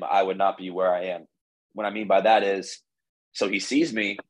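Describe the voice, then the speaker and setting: A man's voice: on the low side, a bit bright, rough recording. A man in his twenties, a podcast guest telling his story in a casual, rambling way, full of "like" and restarts. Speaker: podcast guest, baseball pitcher.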